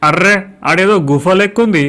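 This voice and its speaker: Man, high voice, rapid talk, brash swearing, comic skit. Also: over music. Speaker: comedy skit performer. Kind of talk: crude comic skit dialogue.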